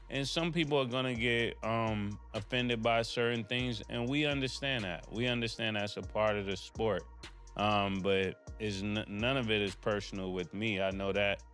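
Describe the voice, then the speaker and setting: A man co-hosting a talk show, speaking conversationally in a measured, diplomatic way. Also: lowish voice, a bit bright.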